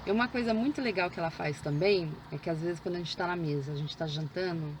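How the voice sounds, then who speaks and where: A woman's voice: lowish voice, fast, noisy background. A woman, a mother chatting casually in her vlog, with many fillers and restarts. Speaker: vlogger, mother.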